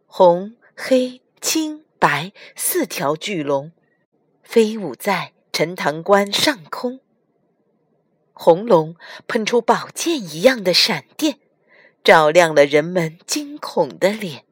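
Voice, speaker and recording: Slow, expressive woman storyteller. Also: fairly low pitch, slightly rough, no room sound, studio quality. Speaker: storyteller mother. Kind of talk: storybook reading for children.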